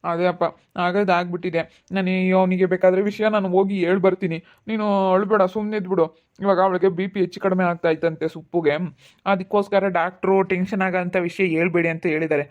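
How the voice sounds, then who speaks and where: An actor playing a calm male family elder who steadily consoles relatives and repeats his instructions. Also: high voice, brisk, natural voice. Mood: firm. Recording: tinny phone-like sound.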